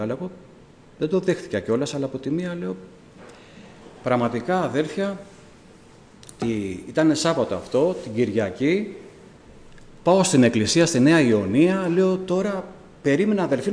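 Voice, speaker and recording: A man, a deacon, telling his testimony to a church congregation in animated storytelling, acting out the dialogue of the people in it. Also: on the high side, pauses often, big-room sound, a little hiss or hum.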